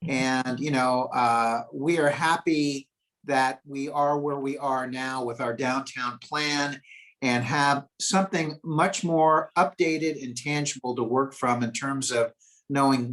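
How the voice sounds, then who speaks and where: Older man, retiring staffer, modest and halting, says "uh" often. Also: mid-range voice, steady tone, a bit bright. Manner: humble, hesitant with fillers. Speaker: retiring city staff member. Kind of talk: thank-you remarks at a meeting.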